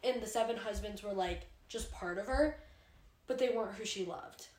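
A woman's voice: mid-range voice, moderate pace, darkish tone. Rambling young woman in echoey room. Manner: rambling, filler-heavy. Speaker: podcast co-host. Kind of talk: casual chat among friends. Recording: echoey room in her house.

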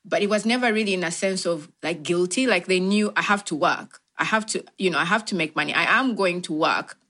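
Answering interview questions thoughtfully, a young woman from Uganda speaks a little fast with a sharp tone and a voice somewhat lower than typical for women. Her reflective talk loops back on itself, full of fillers and fresh starts.

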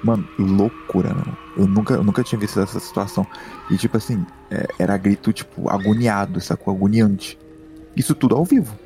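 Male podcast co-host, gravelly and mellow, excitable storyteller with faint music under. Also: on the low side, brisk. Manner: excitable, repeats words and slang. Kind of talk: casual storytelling chat. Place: home room.

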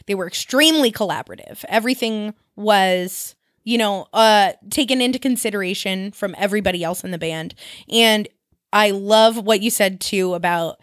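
A woman co-hosting a music podcast in casual chat, animated and quick to laugh. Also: medium pitch, dry recording, studio quality. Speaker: podcast co-host.

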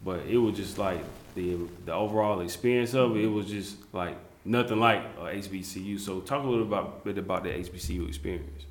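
A man's voice: low voice, fairly quick, hardly any pauses, roomy sound. A man from South Carolina hosting a casual interview, rambling with many fillers and restarts. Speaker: interview host.

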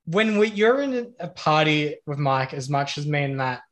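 A man's voice: fairly high pitch, expressive, normal speed, fairly bright tone. A man on a podcast panel, talking in casual banter.

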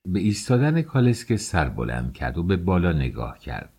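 Deep husky male audiobook narrator. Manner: expressive storytelling.

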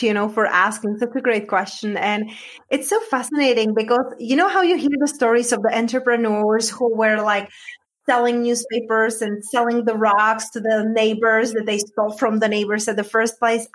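A woman's voice: on the high side, a bit bright. A woman from the Czech Republic with a Czech accent, a coach telling her story as a podcast guest, earnest and heartfelt. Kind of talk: podcast interview.

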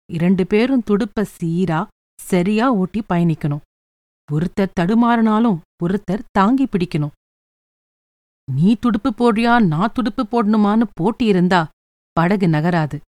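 Soft kindly storybook mom explaining things calmly, woman reading it, dry sound. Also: mid-range voice, no room sound, lightly acted. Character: gentle patient mother giving calm advice.

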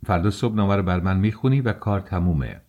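A man's voice: sits low, expressive, a little mellow. A man voicing a feverish, bitter young man in an audiobook, curt and angry. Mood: stern. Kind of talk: audiobook character voice.

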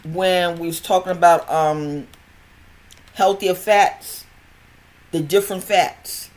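Speaking slowly with fairly even intonation and medium pitch, the older host talks through a casual health podcast monologue. His delivery is chatty and rambling, marked by a stutter, restarts and repeated words.

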